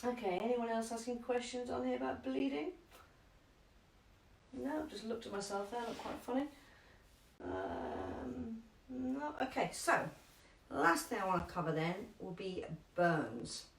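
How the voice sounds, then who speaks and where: A woman with a London accent teaching a live first aid class online, chatty and emphatic, slowing down to repeat key instructions. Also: a little high, big pitch swings, gravelly. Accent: London English. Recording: echoey room, distant from mic.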